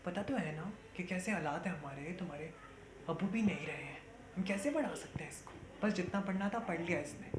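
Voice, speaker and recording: A woman plays a widowed mother, tender and worn down, who talks softly and with resignation. Her voice sits fairly low. The recording is roomy and echoey, with steady noise underneath. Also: a little fast, lightly acted. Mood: weary. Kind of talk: amateur short-film acting.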